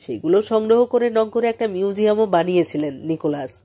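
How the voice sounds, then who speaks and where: A woman narrating a mystery audiobook in a measured storytelling manner. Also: mid-range voice, animated, dark tone.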